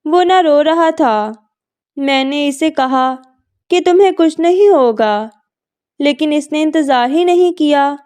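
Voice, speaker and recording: A woman's voice: high-pitched, takes it slowly, a little mellow. A woman reading a novel aloud, voicing a heartbroken young woman pleading through tears. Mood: distraught. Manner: pleading, distraught. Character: grief-stricken young woman sobbing over her lost love.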